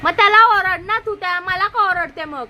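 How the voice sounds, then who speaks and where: Woman, Marathi accent, scolding aunt, very high, bright voice, faint traffic noise. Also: normal speed. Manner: sharp, scolding, argumentative. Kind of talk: scripted family comedy, scolding.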